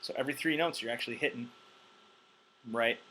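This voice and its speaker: Medium-pitched and fairly quick, a man teaches drums casually, counting beats aloud and filling gaps with ums, clearly buzzing on caffeine. The background is noisy.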